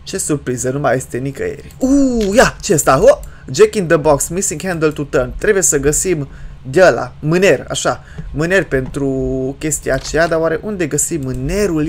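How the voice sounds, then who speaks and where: A man giving jokey let's-play commentary on a horror game, excitable and given to sudden loud yelps. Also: a little high. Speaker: gaming YouTuber.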